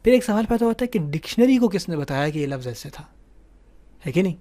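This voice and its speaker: Male teacher, higher voice, patient online grammar explainer who slips English terms into his talk. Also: sing-song, mellow. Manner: explanatory, asks "ٹھیک ہے نا" often; mixes English words into the talk.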